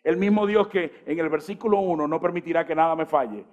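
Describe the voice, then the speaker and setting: A man in his forties, a pastor preaching a lively sermon full of rhetorical questions. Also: fairly high pitch, fast, lo-fi sound.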